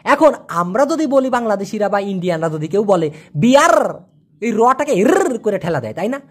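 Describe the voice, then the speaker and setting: A woman from Bangladesh gives a casual spoken language lesson, slowly repeating words again and again as pronunciation drills. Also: mid-range voice, big pitch swings, breathy edge. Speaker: language teacher.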